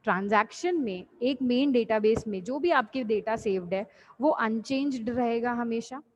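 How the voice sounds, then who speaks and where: A woman's voice: a little high, moderate pace, a little mellow, slight background noise. A woman lecturer teaching an online class, patiently repeating each point in simple terms and addressing students fondly. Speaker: college lecturer. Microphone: computer mic on video call. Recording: dull lo-fi online call audio.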